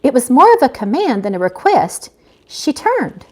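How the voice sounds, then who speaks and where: A middle-aged author reads her own novel aloud in an informal live amateur audiobook session, adding casual asides. Her fairly high voice has very lively intonation and a moderate pace, expressive and unpolished rather than trained.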